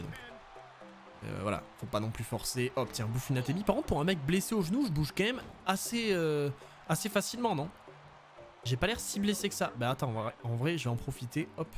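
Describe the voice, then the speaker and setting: A man giving casual, joking gameplay commentary, animated and quick to swear, with faint game music behind him. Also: on the high side. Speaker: let's play host.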